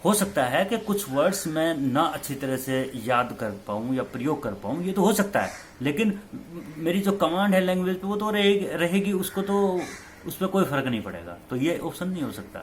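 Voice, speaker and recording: A man's voice: a little high, big pitch swings, normal speed, hardly any pauses, slight background noise. Hindi-speaking male teacher explaining exam answers. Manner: explanatory, repeats key terms, mixes in English phrases. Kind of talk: exam-question lecture.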